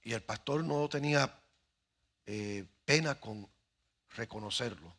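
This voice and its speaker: A man's voice: mid-range voice, slow, fairly bright tone. A middle-aged man, preaching as a pastor and telling a story with dramatic pacing. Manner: dramatic, acts out voices in his stories. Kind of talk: sermon with storytelling. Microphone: handheld microphone. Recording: faint music behind the voice.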